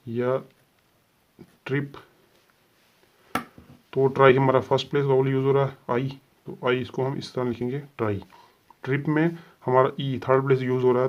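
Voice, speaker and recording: A man teaching a shorthand lesson step by step, patiently sounding out letters and repeating set phrases. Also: medium pitch. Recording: dull lo-fi sound.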